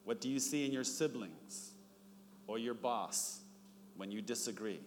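Middle-aged pastor preaching in a reverberant hall. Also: male voice, a little slow. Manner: storytelling, acts out dialogue with rising pitch. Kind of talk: sermon. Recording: long reverb, faint background noise.

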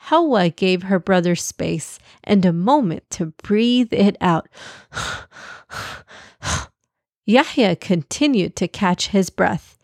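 A woman narrates a children's story with clear, expressive delivery. She speaks slowly, and the recording is dry and close. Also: medium pitch, no room sound.

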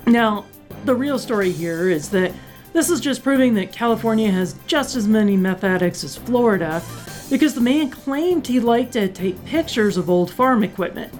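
A woman host in casual chat, hoarse and short of breath from asthma, chatty with sarcastic asides. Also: on the high side, expressive, moderate pace, a little mellow, faint music behind. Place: Colorado.

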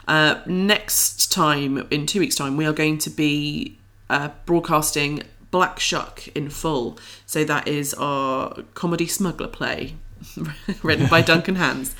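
Enthusiastic and informal, this woman co-hosts a podcast in free-flowing, unscripted conversation. Her voice sits low, with a fairly bright tone.

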